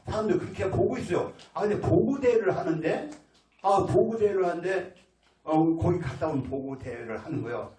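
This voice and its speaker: Folksy high-voiced pastor in an echoey church. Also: male voice, darkish tone. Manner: folksy, acts out voices of people in the story. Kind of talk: storytelling sermon. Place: church sanctuary. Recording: echoey church hall, mic at a distance.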